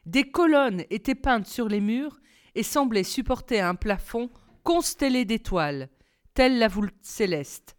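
A woman narrating a children's novel aloud in a steady, measured storytelling manner. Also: fairly high pitch.

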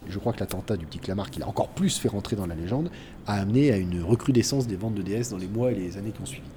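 A man narrates history in an informal, explanatory way. He talks very fast in a lowish, mellow voice, with some noise in the background. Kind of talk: informal spoken history account.

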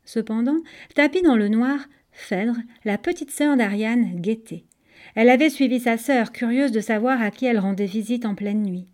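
Warm, expressive woman reading a storybook. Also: fairly high pitch. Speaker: narrator.

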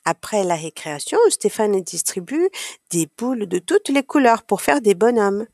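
A woman narrating a children's story aloud, slowly and expressively for small children. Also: medium pitch, expressive, a little mellow, no echo, clean studio sound.

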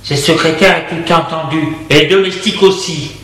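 A man narrating a story in a slow, plain storytelling manner. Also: fairly high pitch, fairly bright tone, slightly rough. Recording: noisy background with passing vehicles.

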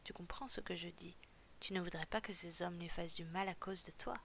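Storybook villain: a cold, cruel male captor chief, low and flat-toned, as a woman narrator puts him on. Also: a little fast, vocal fry, a little hiss or hum. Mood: cold menace. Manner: cold, menacing.

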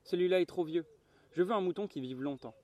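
A man's voice: high voice, a little fast, mellow, no echo, pitched above the performer's own voice, lightly acted. A man voicing a curious, earnest little boy prince from another planet, using an insistent, childlike way of asking. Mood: pleased. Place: garden, outdoors.

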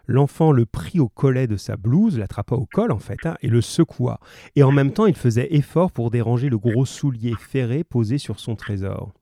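A man's voice: medium pitch, expressive, normal speed, dark tone, dry recording, clean studio sound. A male teacher reading a novel aloud, then leading a remote class in a chatty way, with hesitations and self-corrections.

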